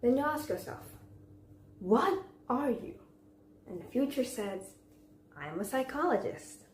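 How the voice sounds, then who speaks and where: A young woman delivers a memorized contest speech in a deliberate, theatrical way, with pauses and rhetorical questions. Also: fairly high pitch, sing-song. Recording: echoey room with faint background noise.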